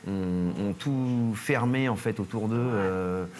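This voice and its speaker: A man's voice: fairly low pitch, takes it slowly, a little mellow, a little hiss or hum. A middle-aged man from France who runs a surf school, talking in a casual interview, hesitant with many fillers and restarts.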